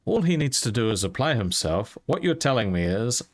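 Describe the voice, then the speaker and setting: A young YouTube content creator tells a rambling personal story while gaming, candid and informal with some casual swearing. His medium-pitched voice is very animated and fairly quick, with no echo.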